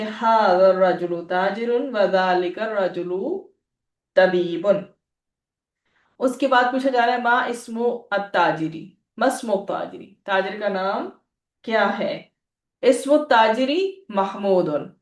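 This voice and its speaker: A woman's voice: mid-range voice, distant mic. Woman teaching Arabic in an echoey room. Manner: explains patiently, repeats phrases and checks with "ठीक है?". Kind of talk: language lesson.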